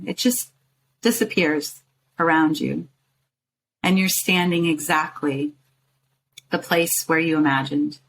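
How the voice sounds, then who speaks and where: Some background ambient noise accompanies a low-voiced woman leading a guided meditation as guide and show host. She speaks soothingly in short, pause-separated phrases that coax the listener along, and the recording is low quality.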